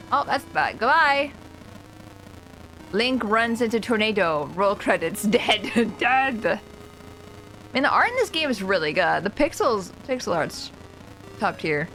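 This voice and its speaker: Woman doing casual gaming commentary, jokey, really swoopy pitch, music in the background. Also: fairly bright tone, rough recording. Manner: playful, joking, exclaims and mutters. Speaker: gamer playing a game for the first time.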